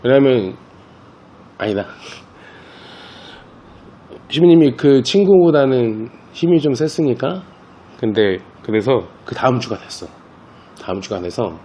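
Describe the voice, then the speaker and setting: Priest telling children a story. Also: male voice, mid-range voice, a little slow, long pauses, a little hiss or hum. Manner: relaxed storytelling, talks directly to the children. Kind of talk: catechism class for children.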